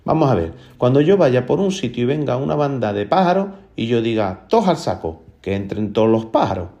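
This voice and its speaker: Male storyteller, animated pitch, acts out dialogue. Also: fairly quick, highs cut off. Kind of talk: oral folk tale telling.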